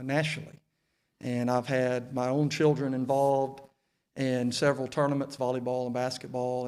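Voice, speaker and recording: A man in his forties with a Southern US accent, giving candidate remarks at a local debate through a face mask. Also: mid-range voice. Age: 40s. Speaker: city council candidate, incumbent.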